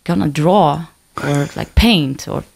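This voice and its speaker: Ukrainian lady singer, slow halting english, kinda low voice. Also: creaky, a little mellow, slightly rough. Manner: halting, searches for words, laughs often. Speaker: band singer, interview guest. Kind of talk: casual interview chat.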